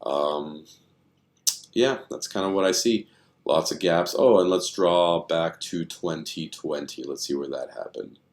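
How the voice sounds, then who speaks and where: A man's voice: deep voice, unhurried. A man giving casual, rambling commentary on stock charts, thinking aloud with many fillers, tired and yawning.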